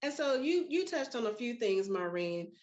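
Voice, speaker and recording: A middle-aged woman hosting a casual podcast chat, telling stories with lively voiced quotes. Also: a little high, normal speed, muffled recording, a crowd in the background. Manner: animated storytelling with voiced quotes. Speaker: podcast host.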